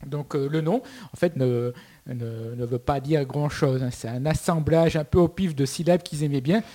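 A man's voice: a little high, normal speed, dark tone. A man co-hosting a casual podcast, presenting his segment with many fillers and restarts. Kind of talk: casual chat.

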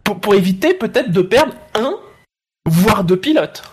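A man's voice: sits high, sing-song, unhurried, slight background noise. A man arguing through hypotheses in a casual panel discussion. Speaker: motorsport talk show panellist.

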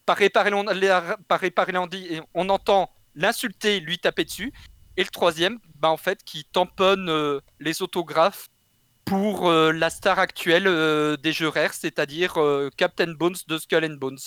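A man's voice: high-pitched, steady tone, a little slow, fairly bright tone, smooth, no room sound. A man co-hosting a casual video game chat, joking and slangy, with lots of fillers. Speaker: game show co-host.

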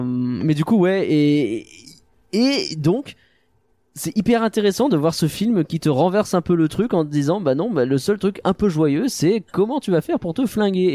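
A man's voice: fairly high pitch, warm tone, no echo. A man with a Parisian French accent hosts a casual film discussion, talking in a slangy, jokey, self-mocking way. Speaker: podcast host.

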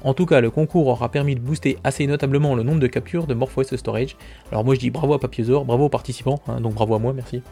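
A man's voice: medium pitch, steady tone, quick pace, vocal fry, warm tone, faint music behind. A man hosting a podcast, running through a casual news roundup with chatty, self-mocking asides and frequent fillers. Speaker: podcast host.

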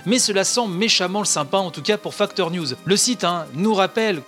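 A man's voice: high voice, brisk, fairly bright tone, faint music behind. A man hosting a video game news podcast, reading out articles with frequent asides and the filler "hein". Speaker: podcast host.

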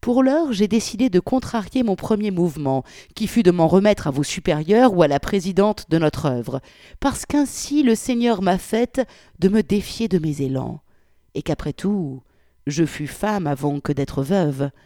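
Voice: mid-range voice, expressive, a little slow, mellow, dry recording, clean studio sound, natural voice. A reader playing a prim, pious war widow. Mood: indignant, prim. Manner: ornate, old-fashioned letter reading with swells of indignation. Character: prim pious widowed wartime godmother, flustered and prudish. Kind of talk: dramatic reading of a letter.

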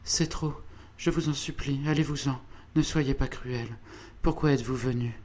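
Un homme qui lit le rôle d'une jeune femme fragile, pieuse et résignée, d'une voix douce et implorante dans un livre audio. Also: male voice, medium pitch, little pitch movement, a little slow, darkish tone, lightly acted. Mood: suppliant. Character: frail young woman, devout and resigned.

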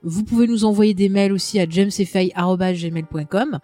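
A woman's voice: mid-range voice, brisk, dark tone, no room sound. Woman podcast co-host with a regional French accent, chatty and teasing over a headset mic, faint music behind. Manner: chatty, teasing, hesitant fillers. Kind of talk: casual podcast chat.

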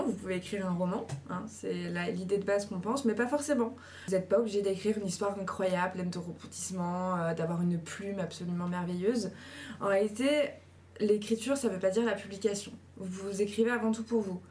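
A woman's voice: mid-range voice, a little mellow, a little hiss or hum. A woman casually giving viewers encouraging advice, chatty and full of fillers. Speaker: host giving writing advice.

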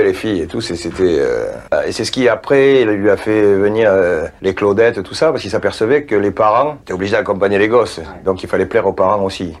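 An older man with a Marseille accent, chatting and reminiscing in a recorded interview, hesitant and quick to laugh. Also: low-pitched. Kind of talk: recorded anecdote.

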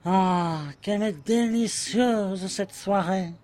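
A man's voice: high voice, takes it slowly, darkish tone. A man playing an adoring, anxious young lover in an amateur audio drama, talking tenderly and pressing for answers. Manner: tender, pleading, insistent. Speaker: voice actor.

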